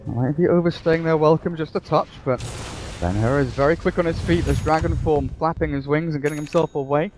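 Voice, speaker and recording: A man giving animated live play-by-play commentary on a video game match as an esports caster. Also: on the high side, brisk, slight background noise. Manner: animated play-by-play, rising with the action.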